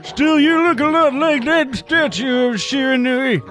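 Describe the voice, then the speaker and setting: A man voicing a blunt, boastful old male village elder, speaking slowly in a raised old-man voice while reading game dialogue. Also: very high voice, a bit bright, soft background music, pitched above the performer's own voice. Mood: astonished.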